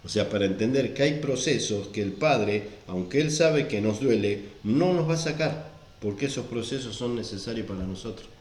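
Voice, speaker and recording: A man's voice: mid-range voice, animated, moderate pace, a little mellow. Male pastor, sermon delivery, insistent and repetitive, reverberant room. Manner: repeats and stresses verse references.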